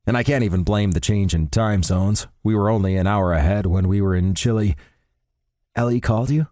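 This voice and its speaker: A man's voice: sits low, a little fast, dark tone, dry recording. A man narrating a first-person romance audiobook in a dry, wry manner.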